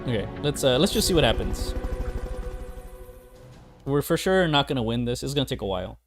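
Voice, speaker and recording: A man's voice: medium pitch, sing-song, brisk. A young man streaming a video game, rambling in casual commentary, laughing often and swearing casually. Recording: game music playing behind.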